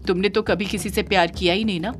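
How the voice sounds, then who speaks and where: A woman's voice: medium pitch, steady tone, fast talker, faint music behind, close to an everyday voice. A woman voicing a devoted, defiant female yakshini spirit in an audio horror story, speaking firmly. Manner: firm, defiant.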